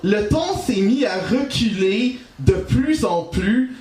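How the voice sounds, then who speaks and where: A man's voice: high voice, lively intonation, darkish tone. A man with a Québécois accent telling a rambling comic story on an open-mic stage, stumbling through restarts and fillers. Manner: halting, full of restarts and "comment dire". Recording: roomy live café recording from off-mic.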